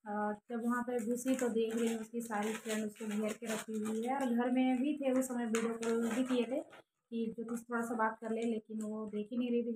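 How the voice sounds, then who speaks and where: A young woman tells a story in a casual vlog, earnest and rambling, full of fillers. Her voice sits a little high and keeps a flat, even tone. The room around her is echoey. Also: noisy background. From Jharkhand, India. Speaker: vlogger.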